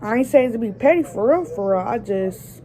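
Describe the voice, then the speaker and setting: A woman vlogger, raspy from just waking up, chatting directly to her viewers as she tells a casual story. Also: fairly high pitch, expressive, normal speed, dark tone, slight background noise, rough recording.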